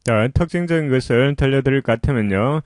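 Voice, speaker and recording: A man teaching pronunciation in a patient, explanatory way, his voice at a middle pitch. The recording is dry and close, with no room sound around it. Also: darkish tone, no room sound. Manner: patient and explanatory, often pausing with "자".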